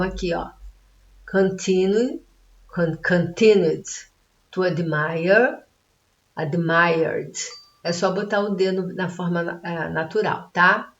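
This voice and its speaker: A woman, an English teacher explaining a lesson patiently step by step, checking in often with her students. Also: on the low side. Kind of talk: classroom video lesson. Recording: roomy, dull lo-fi recording.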